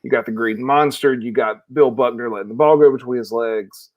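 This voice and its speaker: Guy on a dads sports podcast, rambly and enthusiastic, mid pitch voice. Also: brisk, phone-quality sound. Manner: rambling, many restarts, enthusiastic. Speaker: podcast co-host. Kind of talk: casual sports chat.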